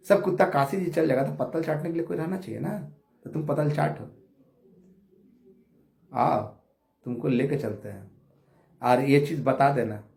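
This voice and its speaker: A man giving a heated monologue from his home prayer room, combative, insulting his rivals and swinging between shouting and low muttering. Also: creaky, roomy sound. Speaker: online commentator appealing to viewers.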